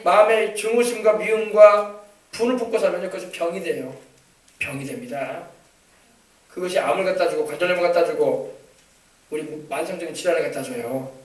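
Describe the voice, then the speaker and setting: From far off in an echoey church sanctuary, a male pastor with a high voice preaches at a fairly quick pace. He exhorts his congregation, prompts them to answer, and often repeats phrases for emphasis.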